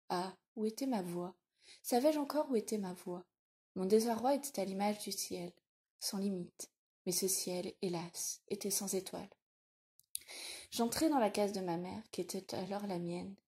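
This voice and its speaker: Woman audiobook narrator, measured and reflective, mellow warm timbre. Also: medium pitch.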